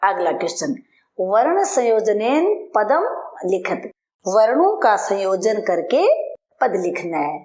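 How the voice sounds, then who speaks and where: A woman's voice: mid-range voice, sing-song, slow pace, a little mellow. A woman teacher patiently explaining a school lesson word by word, spelling out terms and their meanings. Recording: roomy, echoey voice-over.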